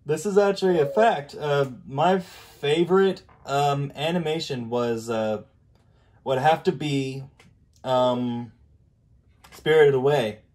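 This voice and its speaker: A man hosting a casual live stream, chatting in a rambling, halting way full of fillers over a video chat mic. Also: fairly high pitch, darkish tone. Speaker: streamer host. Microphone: video chat computer mic.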